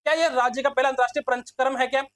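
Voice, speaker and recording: Rapid-fire, high-voiced male teacher. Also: steady tone, a bit bright, dry recording. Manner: fast, repetitive, keeps addressing listeners as friends. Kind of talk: rapid-fire exam quiz lesson.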